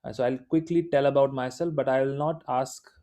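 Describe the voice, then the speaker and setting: With a mellow mid-range voice, fairly even intonation, and a slightly quick pace, a Hindi-speaking man with an Indian accent leads a live online lecture. He's informal and encouraging, leaning on plenty of fillers.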